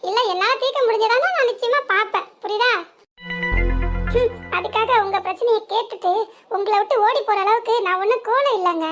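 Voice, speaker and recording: A woman's voice: extremely high pitch, brisk, fairly bright tone, soft background music. A woman voicing an emotional, loyal young village wife in a cartoon, with a southern Tamil Nadu accent, teasing and earnest by turns. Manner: teasing, then tearful and earnest. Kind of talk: cartoon voice acting.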